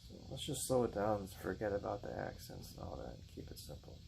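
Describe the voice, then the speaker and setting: A man's voice: on the low side, sing-song, fast talker, vocal fry, darkish tone, slight background noise. A man giving a casual acoustic guitar lesson, rambling and repeating words as he corrects himself. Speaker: guitar teacher. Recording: guitar music behind voice. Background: acoustic guitar playing.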